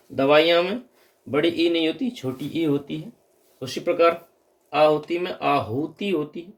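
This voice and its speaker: Male grammar tutor, slightly higher voice, patient drilling delivery for exam prep. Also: expressive, slow, long pauses. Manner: explains patiently, repeating correct and wrong forms. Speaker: teacher.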